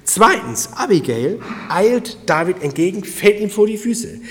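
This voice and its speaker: A man preaching a sermon, emphatic and swinging between loud and quiet, speaking directly to the congregation. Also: high voice, very animated, unhurried, in a large hall. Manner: emphatic, rising and falling in volume, addresses listeners directly.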